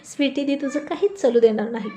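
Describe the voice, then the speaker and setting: A woman's voice: sits high, brisk, dark tone, close to an everyday voice. A woman voicing a pampered young adult sister who is whiny and pleading. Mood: pouty.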